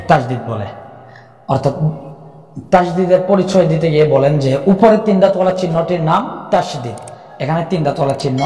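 Guy teaching quran reading, kinda high voice, repeats stuff patiently, big echoey room. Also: darkish tone. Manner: patient, repeats rules and drills syllables. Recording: echoey room with long reverb.

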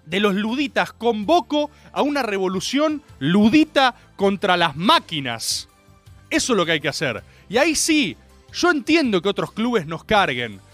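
An Argentine man hosts a radio show and delivers an exasperated comic rant. His voice is high and jumps all over the place. He is recorded dry and close, with faint music behind him. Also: a little slow. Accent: Argentine Spanish. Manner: animated, exasperated ranting.

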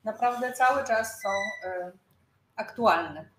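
A woman's voice: on the high side, animated, takes it slowly, a bit bright. Playful woman co-hosting, laughs easily, echoey room with a bit of background hum. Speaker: co-host. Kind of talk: casual chat.

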